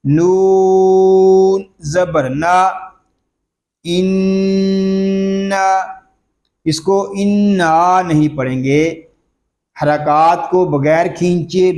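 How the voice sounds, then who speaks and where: A fairly high-voiced man teaching Quran recitation, spelling each word letter by letter. He stretches the syllables slowly, then runs quickly through the rules of pronunciation. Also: a little mellow. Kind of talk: slow word-by-word Quran tajweed lesson.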